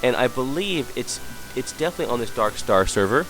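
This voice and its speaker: A hungover, sick man giving an unscripted software tutorial, hesitant and apologetic as he searches around. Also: mid-range voice, animated, brisk, soft background music, low-quality recording. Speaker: tutorial presenter.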